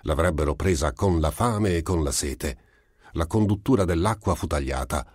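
A man reading a literary short story aloud as an audiobook, in a measured, dramatic storytelling manner. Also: low voice, a little mellow, slightly rough, no echo, studio quality. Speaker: audiobook reader. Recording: amateur home recording.

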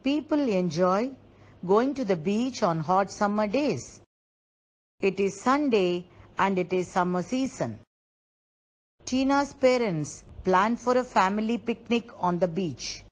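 A woman narrating a scripted lesson for young children, explaining slowly and simply and asking them questions. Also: mid-range voice, expressive, darkish tone, low-quality recording. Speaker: kindergarten teacher.

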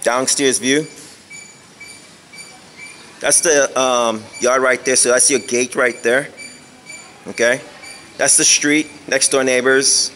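A man's voice: medium pitch, steady tone, slow, long pauses, bright, forceful tone, slight background noise, poor audio. Rambling man giving a house tour. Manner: rambling, searches for words with many fillers. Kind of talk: casual walking house tour. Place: empty house, indoors and on balconies. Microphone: handheld phone camera.

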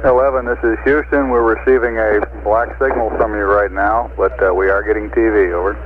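A man's voice: fairly low pitch, fairly even intonation, a little fast. A man in astronaut radio style, a mission control communicator giving procedural updates and figures. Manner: procedural, reads figures digit by digit. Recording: muffled radio link with hiss.

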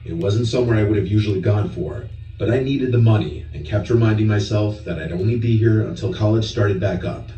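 A man with a lowish voice narrates a horror story in a calm, even way. The sound is echoey and distant, as if played back in a room, with loud music under it. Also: a little fast, few pauses, muffled recording. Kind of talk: scripted narration. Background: background music from the played video.

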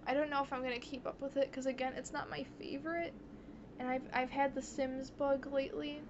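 A young woman vlogger rambles in casual chat, her high voice excitable and a little fast, gushing with lots of "like" and "oh my god." She's self-conscious, dropping apologetic asides. The audio is dull and lo-fi, with faint hiss.

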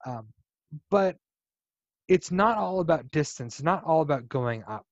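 A man giving a casual slide lecture about rockets on a video call, relaxed and explanatory, with frequent ums and restarts. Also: a little high, a little slow, dry recording. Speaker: guest speaker presenting on spacecraft engineering. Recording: dull, dry video call audio.

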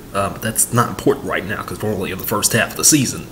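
A man's voice: low-pitched, fairly bright tone, slight background noise. Young man rambling about basketball. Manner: rambling, many fillers and repeats. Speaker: sports vlogger. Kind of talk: casual sports commentary. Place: small room at home, indoors. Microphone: webcam at desk.

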